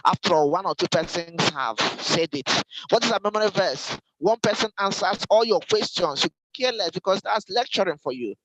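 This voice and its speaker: High-voiced man giving a church training lecture. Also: lively intonation, normal speed, very noisy. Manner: repeats key points for emphasis; direct instructive tone. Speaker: Sunday school teacher trainer.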